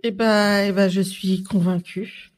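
A woman's voice: mid-range voice, steady tone, takes it slowly. Hesitant woman in podcast chat. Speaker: podcast co-host.

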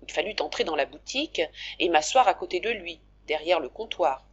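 A woman narrating an audiobook of a classic novel in a measured, expressive storytelling manner. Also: fairly low pitch, breathy edge, dull audio.

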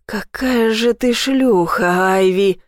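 Brief: woman doing a possessive young male lover for an audiobook, husky low murmur, dry close sound. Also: fairly even intonation, unhurried, darkish tone, no room sound, lightly acted. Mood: rough.

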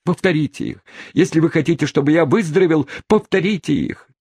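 A man reading the part of a lightly wounded, lovestruck gentleman who pleads fervently. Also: mid-range voice, very animated, moderate pace, breathy edge, dry recording, clean studio sound, pitched above the performer's own voice. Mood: ardent. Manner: pleading, ardent.

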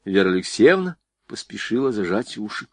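Male narrator, expressive reading, animated pitch, dry studio sound. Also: brisk, no echo. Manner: expressive, varied voicing. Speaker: audiobook narrator. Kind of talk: scripted narration.

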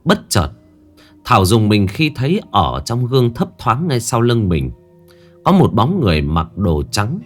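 A man's voice: mid-range voice, very animated, moderate pace. A man narrating a ghost story in a dramatic, suspenseful way. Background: faint music.

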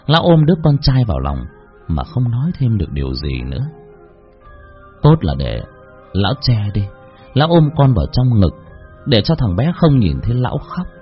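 A man narrating a story in an expressive, emotional way. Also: medium pitch, moderate pace, pauses often. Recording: dull lo-fi with faint music.

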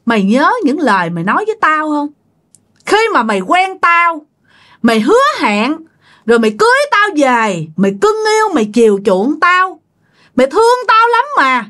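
A woman's voice: sits high, very animated, moderate pace, fairly bright tone. A woman voicing a furious, vengeful female ghost, shrilly hurling accusations at the family that wronged her.

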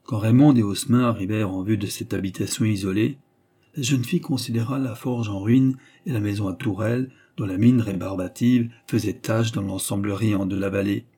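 Man, audiobook narrator, low husky voice, dark mellow tone, measured reading. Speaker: audiobook reader.

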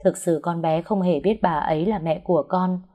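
A woman voicing a grieving, gentle old stepfather. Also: lowish voice, fairly even intonation, moderate pace, lo-fi sound, natural voice.

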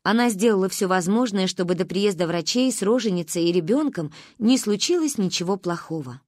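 Woman reading a story aloud, lively swooping pitch, dry close mic. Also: a little fast, dry recording. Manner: expressive, animated reading. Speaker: audiobook narrator.

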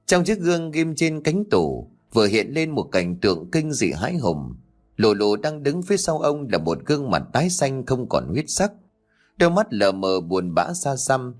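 Man narrating ghost story, animated pitch, dramatic delivery, faint music underneath.

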